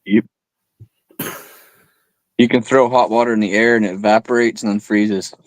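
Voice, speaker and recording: A man's voice: fairly low pitch, steady tone, moderate pace, no room sound, low-quality recording. A man in his late thirties chatting casually, laughing often and swearing freely. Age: 30s. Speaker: chat participant. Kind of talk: casual chat.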